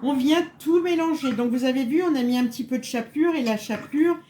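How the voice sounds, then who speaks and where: A woman talks viewers through a recipe in a loose, rambling way, full of fillers and asides. She sounds tired and a little on edge from a bad night. Her voice sits fairly high, with a faint hiss of room noise behind her. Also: a little fast, warm tone. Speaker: home cook presenting a recipe. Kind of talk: casual live cooking chat, answering viewers.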